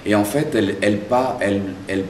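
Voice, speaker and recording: A man who grew up in Belgium and Zaire, answering interview questions about his work as a playwright in a thoughtful way, pausing and restarting as he searches for words. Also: on the low side, slight background noise. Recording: echoey room, mic far off.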